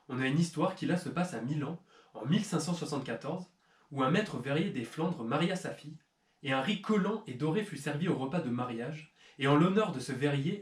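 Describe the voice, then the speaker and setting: A man hosting a cooking video, explaining history and ingredients in a playful, teasing way with mock-serious jokes. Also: a little high. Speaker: cooking channel host. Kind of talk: jokey cooking video narration. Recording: roomy echo.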